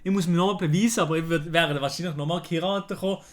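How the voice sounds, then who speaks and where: A man's voice: fairly high pitch, fairly even intonation, racing. A man with a Swiss German accent chatting casually on a livestream, exclamatory and dropping bits of English slang. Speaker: livestream host reacting.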